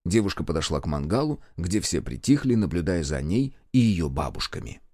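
A man's voice: deep voice, big pitch swings, a little fast, a little mellow, no echo, clean studio sound. A man narrating a novel as an audiobook, telling the story expressively. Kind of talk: scripted narration.

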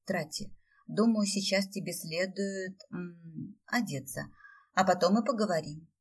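Young royal sister, commanding, read by a woman narrator; breathy tone, slightly distant mic. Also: mid-range voice, animated, measured pace. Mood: gentle.

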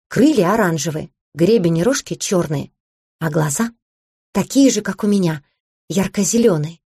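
A woman reading a first-person fantasy story aloud in a lively, amused and expressive way. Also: fairly low pitch, slightly rough, no room sound, clean studio sound. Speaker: audiobook reader.

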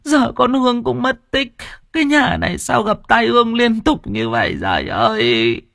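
A male reader lifts his voice into a frail, grieving grandmother. She stammers and her husky voice swings wildly up and down. The sound is dry and close. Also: fairly high pitch, huge pitch swings, unhurried, dry recording, pitched above the performer's own voice, exaggerated voice. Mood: panicked.

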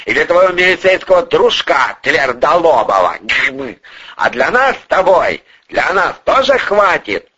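A man voicing a hot-tempered, domineering male oligarch who yells and swears threats. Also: fairly high pitch, big pitch swings, a little slow, husky, voice pushed up, exaggerated voice. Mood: menacing. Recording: dull lo-fi recording.

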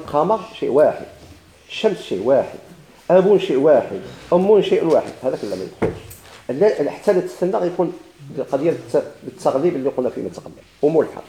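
A man's voice: fairly high pitch, dark tone, echoey room, slight background noise, rough recording. A man with a Moroccan Arabic accent teaching a grammar lesson, asking questions and answering them himself with repeated examples.

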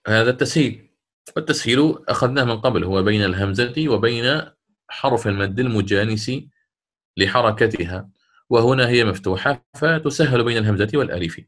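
A man teaching Quran recitation in a recorded lesson. He explains each rule step by step and chants short verse examples slowly. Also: mid-range voice, fairly bright tone.

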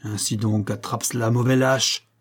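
A man reading aloud, voicing a young gentleman who gives firm commands to a servant. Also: mid-range voice, steady tone, moderate pace, natural voice. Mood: stern. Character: devoted young gentleman husband, protective.

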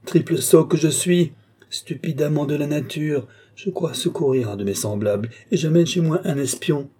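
A man's voice: mid-range voice, moderate pace, warm tone, slightly rough, lightly acted. A man voicing a suspicious, touchy older male philosopher in an audiobook, hurling accusations and lamenting his betrayals. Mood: indignant. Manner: accusing, self-pitying outbursts.

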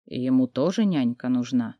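A woman reading an audiobook voices an ill young man who speaks quietly and wearily. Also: very deep voice, animated, moderate pace, no echo, lo-fi sound, voice pushed down. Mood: weary, soft. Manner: quiet, weary, soft-spoken.

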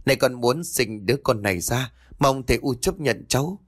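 A man's voice: mid-range voice, lively intonation, moderate pace, no echo, clean studio sound, natural voice. A man voicing a frightened young pregnant daughter who stammers and pleads through sobs. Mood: pleading. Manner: stammering, sobbing pleas.

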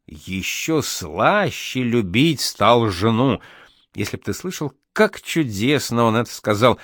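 A man's voice: mid-range voice, fairly bright tone, no echo, studio quality. A man reading as a young wife's letter. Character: young woman writing to her husband.

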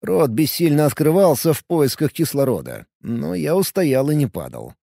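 A male audiobook narrator tells a first-person story in a lively, swinging style at a normal pace. His fairly high voice sounds mellow and darkish, with some vocal fry. The recording is dry and close-miked, with no echo.

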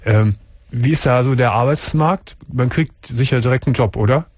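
A man's voice: mid-range voice, moderate pace, darkish tone, slightly rough, dry recording. A man hosting a late-night call-in radio show, asking callers friendly, direct questions. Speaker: radio talk show host. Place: radio studio. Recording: dull, lo-fi radio broadcast.

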